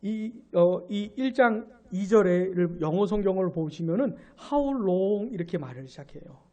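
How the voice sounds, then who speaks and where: A man who is a pastor, preaching an animated Bible exposition sermon, repeating his phrases and checking in with his listeners. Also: unhurried, muffled recording. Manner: stresses words with sudden rises in pitch and loudness.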